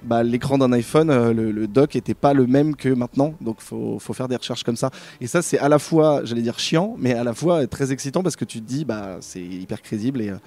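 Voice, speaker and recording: A man's voice: mid-range voice, a little fast, mellow. A man interviewed about designing games, talking casually with many fillers and restarts. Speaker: game designer guest.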